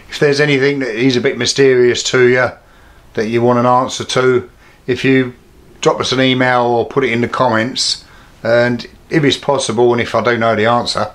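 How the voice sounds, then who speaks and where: British male craft presenter, mid-pitched, plain-spoken and low-key, informal workshop-demo delivery. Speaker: hobby craft video host. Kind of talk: informal hands-on demonstration.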